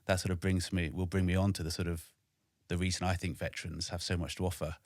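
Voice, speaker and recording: Low-pitched man in his forties, measured guest, dry close sound. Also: flat delivery, no echo. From Wales. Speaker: podcast guest, army veteran. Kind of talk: casual interview. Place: home studio in a flat.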